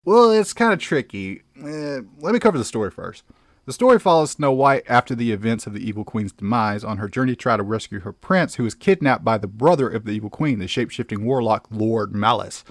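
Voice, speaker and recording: A man's voice: mid-range voice, expressive, fairly quick, no room sound, clean studio sound. Sarcastic male film reviewer. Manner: exclamatory, sarcastic.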